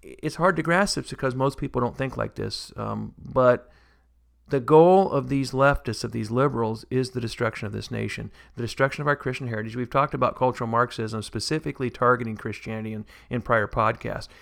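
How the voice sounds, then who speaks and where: A man with a gravelly, crackly voice co-hosting a casual podcast. His voice sits at a middle pitch. He explains his views at length and slips in dry, joking asides. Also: a little fast. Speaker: podcast co-host.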